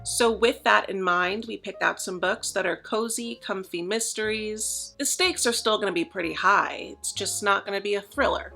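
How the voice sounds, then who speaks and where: A chatty woman vlogger with a bright, crisp voice talks casually about books, sometimes sinking into a low, muttered aside. Faint music plays softly behind her. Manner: chatty and self-deprecating, often drops to a low mutter. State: short of breath. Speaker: book vlogger. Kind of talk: casual reading vlog.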